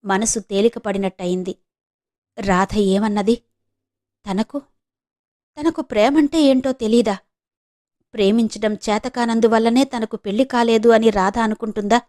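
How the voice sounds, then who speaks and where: A woman from Visakhapatnam reads a novel aloud. She tells the story steadily in a fairly high voice. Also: steady tone, unhurried, long pauses, a little mellow. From Visakhapatnam, India. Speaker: audiobook narrator. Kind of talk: novel reading.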